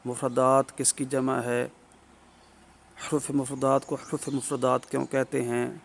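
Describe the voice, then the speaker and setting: A man's voice: medium pitch, level tone, creaky, a little hiss or hum. A man with a Pakistani Urdu accent teaching tajweed in a recorded lesson, explaining step by step, checking in often with the listener and carefully drawing out letter sounds. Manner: explanatory, frequent "ٹھیک ہے" check-ins.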